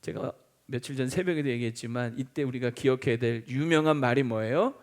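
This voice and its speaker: A man's voice: medium pitch, fairly quick. A middle-aged male pastor preaching a sermon, emphatic, quizzing the congregation with call-and-response questions. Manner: acts out taunts in mocking quoted voices. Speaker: senior pastor.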